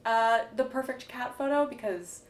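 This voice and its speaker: This female podcast host talks in a casual, easygoing, thoughtful way, musing with lots of "um"s and soft laughs. Her voice is fairly high and moderately paced. The distant mic picks up a roomy space and faint background noise.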